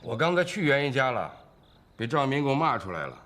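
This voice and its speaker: An actor playing a sheepish, defensive son who faked a diagnosis. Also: male voice, mid-range voice, very animated, quick pace, fairly bright tone.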